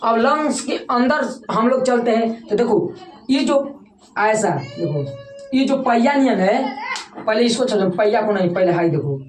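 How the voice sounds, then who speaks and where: A woman's voice: on the high side, lively intonation, a little slow. A woman with a Bhojpuri-tinged Hindi accent, teaching a classroom lecture. She repeats key terms and keeps asking the students to say them back. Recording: echoey room with faint background noise.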